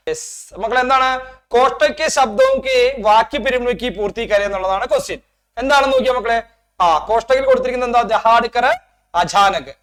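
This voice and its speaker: A man teaches an exam-prep Hindi lesson in a fairly high voice. He reads the text out slowly and carefully, then turns to his students with a stream of quick check-in questions, calling them "children". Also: fairly bright tone. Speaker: Hindi tutor.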